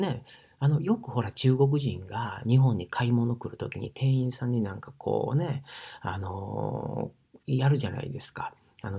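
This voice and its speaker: A sauna ambassador from Osaka, Japan, rambles through a casual monologue in Osaka dialect, his mid-range voice very husky and gravelly. His mellow yet lively tone rises and falls a lot, and he pads his speech with fillers, often dropping to a breathy near-whisper.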